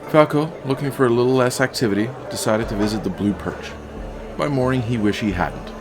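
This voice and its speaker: A man narrating a solo tabletop fantasy game in steady, descriptive storytelling. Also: medium pitch, fairly quick, over music.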